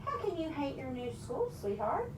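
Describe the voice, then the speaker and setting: A woman storyteller plays an affectionate, firm husband from a picture book. The delivery is coaxing and emphatic, high in pitch with big swings, in a roomy recording. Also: sing-song, moderate pace. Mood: reassuring. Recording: roomy, distant mic with background noise.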